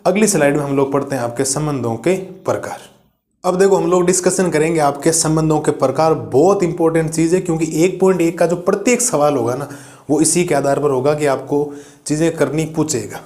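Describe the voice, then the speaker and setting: A man's voice: a little high, mellow. A man teaching a maths lesson to students, explaining step by step, reassuring them and asking the class rhetorical questions. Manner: reassuring and encouraging. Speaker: math teacher. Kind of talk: classroom lecture video.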